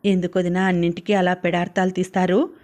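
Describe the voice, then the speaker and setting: A woman voicing a poor, gentle, worn-out village mother who speaks softly in a storybook reading. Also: fairly low pitch, flat delivery, quick pace, close to an everyday voice. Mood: tender.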